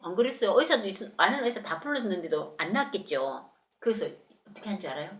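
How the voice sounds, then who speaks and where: A woman telling a Bible story to children in church, animated and often asking them questions. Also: mid-range voice, fast talker, reverberant. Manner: animated, asks children questions, acts out voices. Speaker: children's Sunday school teacher.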